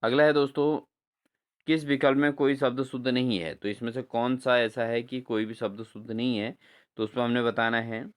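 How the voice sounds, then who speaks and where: Smooth-voiced teacher drilling spelling. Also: male voice, mid-range voice, steady tone. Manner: repeats answers as questions to viewers, addresses them as friends; spells words out slowly syllable by syllable. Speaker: exam-prep teacher. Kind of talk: spelling lesson for exam prep.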